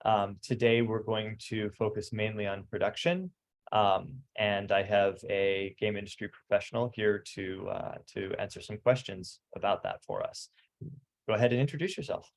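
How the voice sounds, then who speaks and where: A man hosting a casual interview, easygoing and often pausing to search for words. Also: on the low side, fairly even intonation, gravelly.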